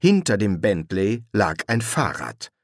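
A man narrating an audiobook with measured, expressive storytelling. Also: fairly low pitch, no room sound. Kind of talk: scripted narration. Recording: dry close studio recording.

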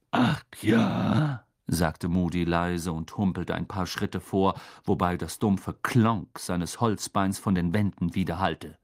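A man narrating an audiobook in an expressive storytelling manner. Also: fairly low pitch.

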